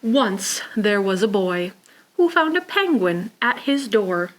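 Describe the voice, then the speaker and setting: A children's librarian reads picture books aloud at a preschool storytime, using simple, expressive phrasing for young kids, full of sighs, gasps and exclamations. Her voice is medium in pitch and slow. The recording is low quality, with slight background noise.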